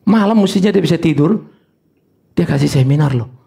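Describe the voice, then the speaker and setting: An older male pastor preaching a sermon, telling stories in an animated way with sudden high exclamations. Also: brisk, creaky.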